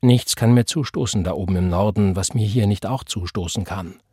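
A defiant young woman speaks firmly and coldly, as a man reading the story gives her lines. The voice stays low and husky. It is recorded dry and close. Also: normal speed, warm tone, dry recording. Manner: firm, cold. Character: young woman, defiant daughter leaving home.

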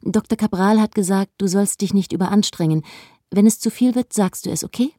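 A woman reading a worried, even-voiced mother. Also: medium pitch, fairly quick, no room sound, clean studio sound, close to an everyday voice. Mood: coaxing. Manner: flat, controlled, reassuring. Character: worried mother, middle-aged woman, anxious.

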